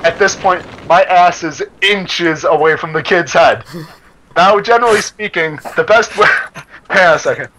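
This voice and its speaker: A man's voice: high-pitched, moderate pace, bright, forceful tone. Man reading a story in game chat. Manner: laughs and stumbles over words while reading. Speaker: story reader. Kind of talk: casual reading aloud to friends during a game. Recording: noisy game chat with gunfire. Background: game gunfire and clicks.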